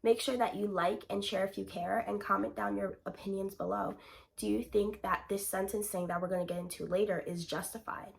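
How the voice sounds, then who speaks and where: A woman's voice: medium pitch, steady tone, fairly quick, creaky. A woman hosting her own commentary vlog, blunt and opinionated with casual swearing, sounding sick and short of breath from breathing through her mouth. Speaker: channel host.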